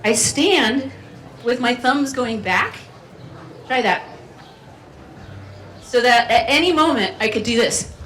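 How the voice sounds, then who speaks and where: Speaking slowly and leaving long pauses, a woman with a fairly bright, higher-pitched, animated voice gives a chatty, playful keynote at a community festival that engages the crowd. Slight background noise sits under the far-off, roomy hall sound and faint ambience of the venue.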